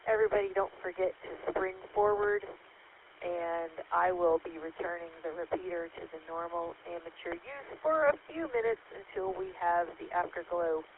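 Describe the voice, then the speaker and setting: A woman running an amateur radio net as net control, reading call signs and announcements in a steady way, heard through a radio link with static. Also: lowish voice, normal speed. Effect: transmitted over a radio link with static. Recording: tinny radio transmission with faint static.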